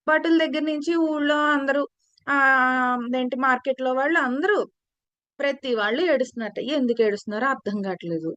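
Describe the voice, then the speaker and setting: A woman teaching children in an online class, telling a story in an animated way and asking them questions. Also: sits high, no room sound. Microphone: video call.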